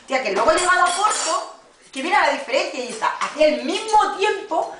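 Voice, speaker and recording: Indignant flight attendant, far off. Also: female voice, extremely high pitch, very animated, fast talker, a bit bright. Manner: indignant, swearing, acts out quoted dialogue. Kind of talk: casual chat, telling a story. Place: home, indoors. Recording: echoey room, far from camera, clattering dishes.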